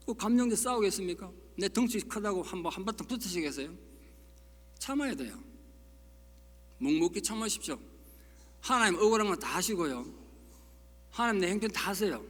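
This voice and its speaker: A middle-aged man preaches with a high voice, folksy and emphatic, throwing out rhetorical questions. His voice rings with the long reverb of a church sanctuary. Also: a bit bright. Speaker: pastor. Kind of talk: sermon.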